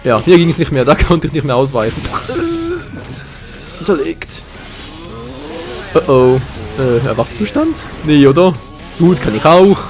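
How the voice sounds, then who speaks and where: An excitable man with a German accent talks over his own fighting game match, swinging his voice up and down as he cheers and curses. His voice sits a bit high for a man. Game music plays faintly behind him. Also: a little slow, pauses often. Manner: excitable, swears and groans at misses. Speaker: gaming commentator. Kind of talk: live gameplay commentary.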